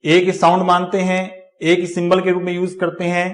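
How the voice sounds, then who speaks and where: In a completely flat, high-pitched voice, a man teaches exam-prep phonetics, saying each word slowly for the class while regularly turning off-mic to use the board.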